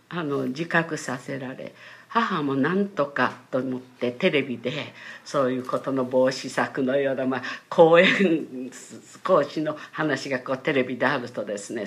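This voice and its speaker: Lively middle-aged woman giving a testimony. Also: very deep voice. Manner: animated storyteller who voices quoted family members; gentle, pads phrases with polite sentence tags. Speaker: church testimony speaker.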